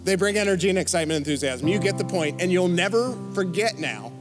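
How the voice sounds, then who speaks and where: A high-pitched man preaches to a youth group in church, lively and quick to toss in joking asides to the crowd. A soft guitar plays faintly underneath. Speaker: youth pastor. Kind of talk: youth sermon. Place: church service.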